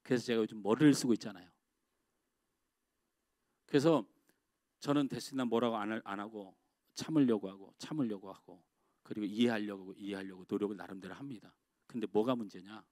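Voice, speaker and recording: A middle-aged man preaching a sermon as pastor in a church. He swings from loud, emphatic outbursts to quiet, confiding asides. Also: mid-range voice, dry recording, studio quality. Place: church sanctuary.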